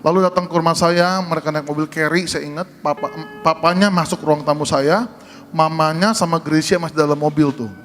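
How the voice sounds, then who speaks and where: A man's voice: fairly high pitch, steady tone, fairly quick, a bit bright, faint music behind. A middle-aged man preaching a sermon as a joking, conversational story that often addresses the congregation.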